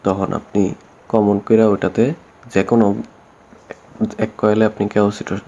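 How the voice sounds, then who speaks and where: This man has a low, creaky voice with a darkish tone. He's an electrician instructor talking through electrical work in a casual tutorial, repeating himself and using many fillers in plain language. The recording is dull and lo-fi, carrying a faint hiss of noise.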